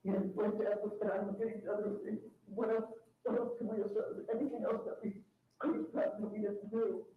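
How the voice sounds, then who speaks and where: A woman's voice: mid-range voice, flat delivery, fairly quick, a little hiss or hum. A woman heard on a played-back recorded phone call, talking urgently and repeating herself. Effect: recorded jail phone call played back. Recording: distant muffled phone playback, heavy room echo.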